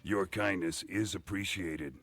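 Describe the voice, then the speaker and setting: A man's voice: sits low, steady tone, unhurried, gravelly, fairly bright tone, full character voice. An actor playing a weary male village leader in hiding in a video game, speaking with grave earnestness. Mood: solemn. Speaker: game character.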